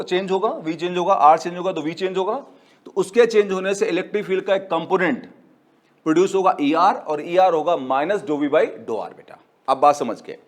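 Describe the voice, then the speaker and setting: Man, physics teacher, high-pitched voice, coaxing and repetitive, quizzes the class and answers for them. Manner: coaxing, repetitive, calls students "beta"; asks questions and answers them himself. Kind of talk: classroom lecture.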